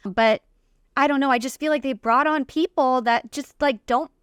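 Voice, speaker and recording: A woman with a smooth, clear and slightly high voice co-hosts a reality TV recap. She gives casual, opinionated commentary in slangy phrasing, with a dry, close sound. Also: moderate pace, a bit bright, no echo. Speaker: podcast co-host recapping reality TV.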